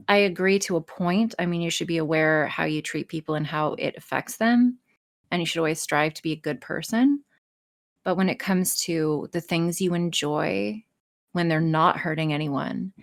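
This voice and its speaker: Her voice is gravelly and lowish. As an audio roleplay artist guesting on a podcast, she keeps the interview casual and profane, speaking bluntly and emphatically with plenty of swearing.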